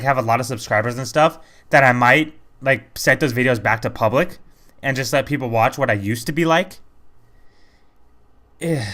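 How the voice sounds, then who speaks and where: A man's voice: medium pitch, bright, forceful tone. A man giving casual, rambling commentary over a video game playthrough, chatty and self-critical. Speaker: let's play commentator.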